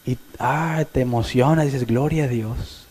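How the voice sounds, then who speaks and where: A male pastor delivering a sermon, animated, acting out quoted voices of his congregation. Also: mid-range voice, unhurried.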